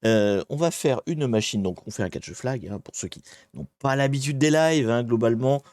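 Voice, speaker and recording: A man's voice: mid-range voice, moderate pace, a little mellow, dry recording. A man hosting a casual live-stream hacking tutorial, chatty and self-deprecating, greeting viewers and hesitating often. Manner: chatty, rambling, many hesitations.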